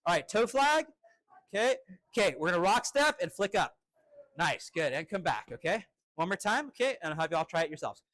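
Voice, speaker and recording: A male fencing instructor running a live drill with crisp, short commands and encouraging words. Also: high-pitched, big pitch swings, a little fast, fairly bright tone, no room sound.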